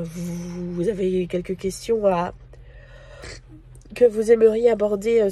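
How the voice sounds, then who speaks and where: Slow, hesitant French woman vlogging. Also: medium pitch, warm tone, husky. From France. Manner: hesitant, many pauses and fillers. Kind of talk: casual personal vlog talk.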